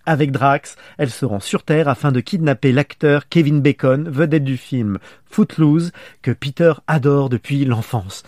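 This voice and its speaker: A man's voice: mid-range voice, measured pace, a little mellow, dry recording, studio quality. A man with a French accent hosting a casual film discussion podcast, rambling and self-correcting as he talks. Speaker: podcast host.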